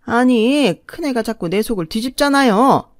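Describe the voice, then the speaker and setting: A woman voicing an older, quick-tempered mother-in-law who shouts shrilly and gushes loudly in turn, in a dry recording. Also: fairly high pitch, lively intonation, no room sound, close to an everyday voice. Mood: angry.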